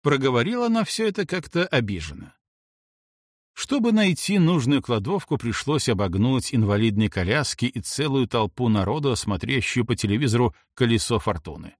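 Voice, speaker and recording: A man's voice: mid-range voice, animated, moderate pace, no room sound, studio quality. A young man reading a first-person novel aloud with ironic expressiveness. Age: young adult. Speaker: audiobook narrator. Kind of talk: first-person audiobook narration.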